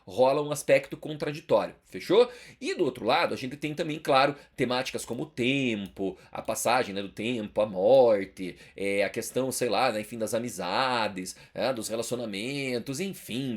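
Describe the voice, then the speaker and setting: A man's voice: medium pitch, breathy edge. A young adult man with a Brazilian Portuguese accent giving a casual exam-prep lecture, chatty and slangy, constantly checking in with his listeners. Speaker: teacher.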